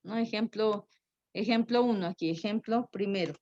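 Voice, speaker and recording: A woman teaching a math lesson, unhurried and thinking aloud, often checking in with a quick tag question. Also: medium pitch, mellow. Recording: dull lo-fi recording.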